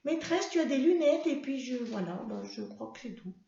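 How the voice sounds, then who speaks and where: A woman voicing an eager, chatty little schoolgirl in a high, squeaky voice, hesitating with many fillers. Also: animated, normal speed, gravelly, mellow, roomy sound, highs cut off.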